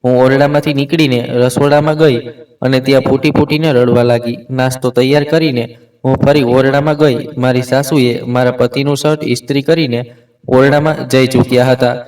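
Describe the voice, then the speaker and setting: Man reading a story in an even, steady way. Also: mid-range voice, normal speed, recorded from a distance, low-quality recording. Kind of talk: scripted first-person story narration.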